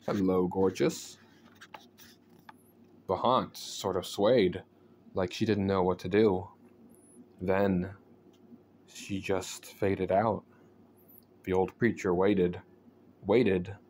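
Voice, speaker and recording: A man reading a scary story aloud as a storyteller, in a measured, deliberate, suspenseful way with pauses. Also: low voice, flat delivery, darkish tone, slight background noise. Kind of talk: scripted horror story narration.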